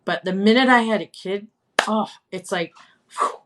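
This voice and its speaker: A woman in her fifties chatting casually on a live stream, animated and candid, with self-deprecating humor. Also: medium pitch, normal speed, a little hiss or hum. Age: 50s. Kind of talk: casual chat.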